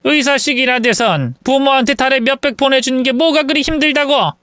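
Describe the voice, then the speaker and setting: Man doing an older mother-in-law, shrill, scolding, high voice, dry close sound. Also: fairly quick, sharp tone, clean tone, no room sound. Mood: reproachful. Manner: shrill, accusing tirade.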